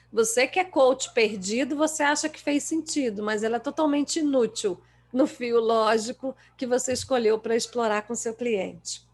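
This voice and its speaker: A Brazilian woman trainer lectures on coaching with emphatic, lively delivery. Her voice sits a little high for a woman, and she acts out the replies of clients as she goes. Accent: Brazilian Portuguese.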